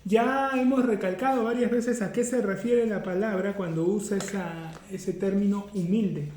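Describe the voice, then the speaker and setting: A man's voice: high-pitched, fairly even intonation, moderate pace, darkish tone, echoey room, a little hiss or hum. A man preaching a sermon as pastor, teaching through rhetorical questions. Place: church.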